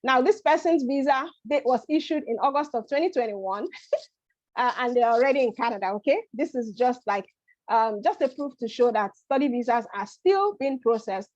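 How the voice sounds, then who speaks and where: A woman's voice: a little high, animated, moderate pace, darkish tone, no echo. A middle-aged woman from Nigeria giving an informal webinar presentation, chatty and often checking in with "okay?". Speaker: immigration advisor presenting a webinar. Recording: dry, dull lo-fi audio.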